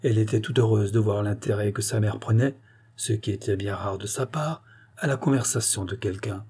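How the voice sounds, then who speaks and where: Male audiobook narrator, measured, dramatic, husky. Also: fairly low pitch, a little mellow. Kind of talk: audiobook reading of a novel.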